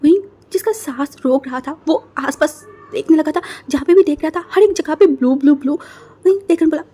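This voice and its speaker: A woman's voice: sits high, fairly quick, dark tone. A young woman giving a casual, chatty retelling of a fan-fiction story, with dramatic asides to the listener.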